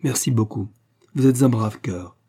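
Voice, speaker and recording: A man voicing a composed, polite adult inventor in an audiobook, speaking in a measured way. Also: mid-range voice, dark tone, husky. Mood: grateful.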